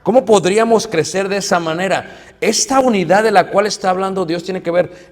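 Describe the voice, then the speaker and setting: Middle-aged preacher, higher voice, tells stories n acts them out, hall echo. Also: male voice. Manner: animated storytelling, acts out quoted voices. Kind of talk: sermon. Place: church hall. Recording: church hall reverb.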